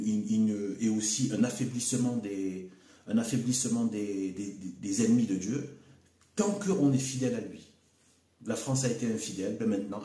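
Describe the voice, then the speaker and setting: A man delivers an unscripted solo video monologue to camera, his voice mellow, dark and on the low side. He's halting, often stalls and repeats words, filling with "hein" and "voilà", while the room rings with noticeable echo.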